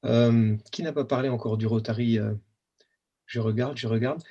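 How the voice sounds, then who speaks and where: A man's voice: medium pitch, fairly even intonation, moderate pace, dark tone, breathy edge, lo-fi sound. A man moderating a group discussion, friendly and informal, calling on people by first name.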